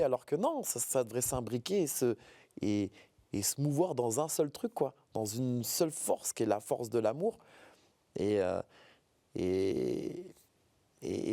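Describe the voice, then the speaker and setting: A man's voice: medium pitch, dark tone, no echo. A man in his forties from the Paris suburbs, speaking earnestly as an interview guest, often hesitating and repeating words. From France, Paris suburbs. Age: 40s.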